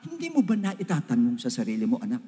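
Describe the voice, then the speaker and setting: An older man, a pastor, giving a Father's Day sermon as a story, swinging between loud emphatic peaks and low hushed asides. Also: wildly swooping pitch, fast talker. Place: church hall. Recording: reverberant church hall.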